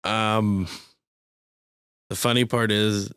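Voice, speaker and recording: Deep flat-voiced man, smooth. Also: takes it slowly, no echo, clean studio sound. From Pittsburgh area, US. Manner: hesitant, repeats words at starts. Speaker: podcast guest, author. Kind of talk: casual interview chat.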